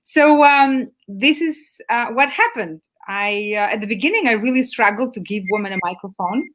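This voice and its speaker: A middle-aged woman whose first language is not English, speaking in a slightly high voice. She talks hesitantly, with many fillers. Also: lively intonation, moderate pace, fairly bright tone, poor audio. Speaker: guest.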